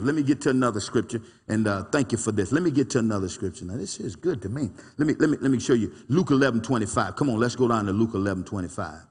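A male pastor preaches in a colloquial, animated way, calling out to his congregation. His voice is slightly husky, and his pitch leaps and drops with every point. The sound rings with the long reverb of a church hall. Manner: animated preaching with call-and-response asides; folksy, colloquial speech. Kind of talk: preaching a sermon. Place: church sanctuary.

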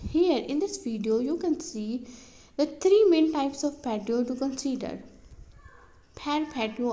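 Woman narrator, slightly high voice, plain read-aloud explainer delivery, occasional slips. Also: mellow, rough recording. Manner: reads questions and answers like a list, with some slips and restarts.

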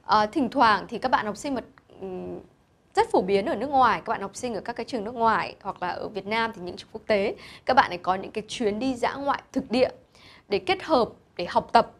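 A woman teacher, explaining vocabulary to pupils and patiently repeating each word's pronunciation. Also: a little high. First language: Vietnamese. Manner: patient, repeats and spells out pronunciation, mixing English words into explanations. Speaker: English teacher.

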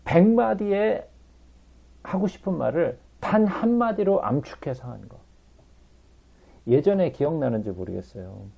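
Male Bible teacher, gravelly and husky, emphatic, keeps prompting listeners; muffled lo-fi recording. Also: a little high, animated, a little slow, pauses often, dark tone.

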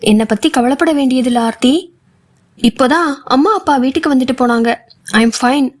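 A woman voicing a quiet, hesitant young married woman who speaks softly and haltingly in an audiobook. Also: high-pitched. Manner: soft, halting. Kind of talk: audiobook character voice.

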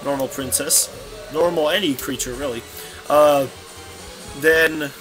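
A man's voice: fairly high pitch, a little slow. A young man giving casual, rambling commentary while playing a racing game, often correcting himself mid-sentence. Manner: rambling, scatterbrained, self-correcting. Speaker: let's play commentator. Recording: game music playing behind.

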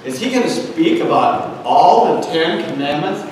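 A man preaching a sermon in a church, speaking earnestly with frequent pauses and fillers. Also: on the high side, animated, a little mellow. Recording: echoey church hall, mic at a distance, faint room noise.

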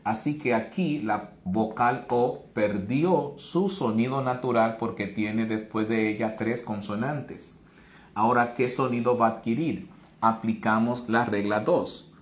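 A man's voice: medium pitch, unhurried. A man teaching English pronunciation in an online lesson, explaining each rule step by step and praising viewers by name.

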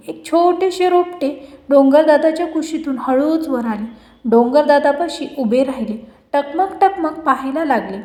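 High-voiced woman reading a children's story. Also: roomy sound. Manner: clear, expressive storytelling. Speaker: narrator. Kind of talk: reading a school textbook story aloud.

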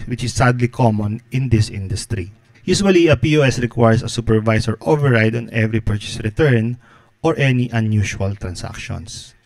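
A man in his thirties, a business consultant hosting the show, narrates a scripted tutorial in a measured, medium-pitched voice with occasional filler. He sits close to a podcast mic visible in frame in a small home studio with guitars on the wall, and the sound is dry with almost no room echo.

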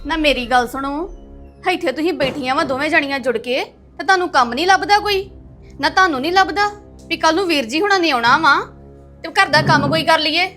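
Woman playing a sharp, bossy young wife. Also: high voice, a little fast, faint music behind. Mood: scolding. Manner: scolding, commanding. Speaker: bossy daughter-in-law. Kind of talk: web drama acting.

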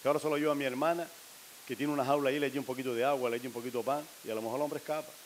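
A man's voice: mid-range voice, fairly even intonation, racing, a little hiss or hum. A man telling a string of jokes to a live audience, acting out the characters' lines. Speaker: stand-up comedian.

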